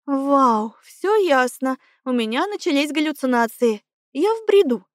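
A hoarse, feverish young woman, sulky and defiant, whose outbursts rise high, as a woman reader puts her on. Heard in an audiobook with a dry, close sound. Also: animated, a little slow, dry recording. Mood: mocking. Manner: indignant, rising outbursts.

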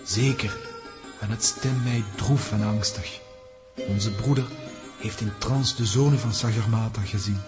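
Sounding troubled, a male actor with a fairly low voice and light acting plays the wise, grave head lama of a mountain monastery, relating a mountain legend in a solemn, formal, measured way. This is a Dutch-language children's audio drama, heard in a long reverberant hall with music underneath.

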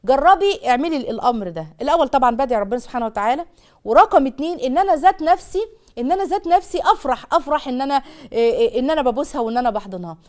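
A woman with an Egyptian accent hosting a call-in parenting advice show, giving fast and emphatic advice like a teacher. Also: high-pitched, lively intonation, a little mellow. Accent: Egyptian Arabic.

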